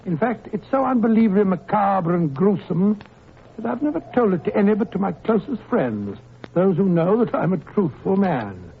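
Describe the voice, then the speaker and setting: An actor playing Doctor Watson, an older gentleman who tells stories heartily, in a 1940s radio drama. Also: high-pitched, sing-song, moderate pace. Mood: earnest. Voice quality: hearty, declamatory storytelling. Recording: tinny 1940s radio broadcast with hiss.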